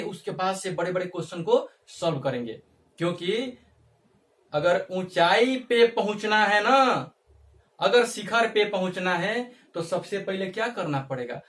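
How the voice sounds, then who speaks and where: A man's voice: high-pitched, fairly bright tone. A male teacher giving a math lesson, asking the class questions and answering them himself, repeating phrases as he coaxes them along. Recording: echoey room, mic far off.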